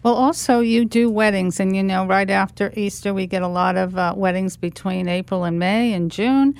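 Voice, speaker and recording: A woman's voice: medium pitch, steady tone, normal speed, darkish tone, clean tone, dry recording. Friendly woman radio host. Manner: friendly, leading questions. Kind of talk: radio interview.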